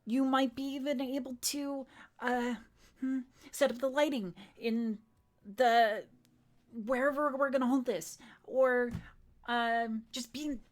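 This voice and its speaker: Tabletop student role woman performer: female, pushy yet encouraging, animated, coaxing. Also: sits high, a little slow, pitched above the performer's own voice. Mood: urging. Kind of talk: tabletop role-play acting.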